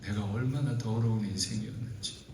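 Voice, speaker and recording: A man's voice: lowish voice, a little fast, gravelly, background noise. A middle-aged man preaching a sermon at a youth retreat, telling stories with feeling and breaking into exasperated outbursts. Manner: animated storytelling, rising to exasperated outbursts. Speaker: pastor. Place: large church hall at a youth retreat. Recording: echoey hall, voice from far off.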